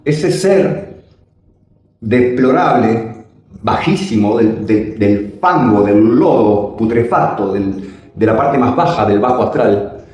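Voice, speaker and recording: A man telling a spiritual personal story dramatically, his pitch swooping and his phrases slow and drawn out. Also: expressive, darkish tone. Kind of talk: personal testimony. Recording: very echoey room.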